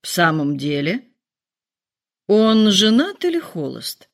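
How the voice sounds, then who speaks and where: A woman voicing a calm, dryly ironic middle-aged husband in a storybook reading. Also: medium pitch, slow pace. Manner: dry, calm, mildly ironic.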